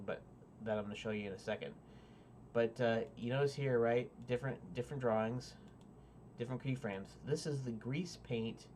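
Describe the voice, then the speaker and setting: A man talks casually to his webcam from his home desk, rambling and hesitant as he explains his setup. His voice sits at an ordinary middle pitch. A faint hum runs underneath. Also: a little mellow. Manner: rambling and hesitant, many fillers and restarts. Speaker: indie game developer. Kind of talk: casual devlog talk to camera.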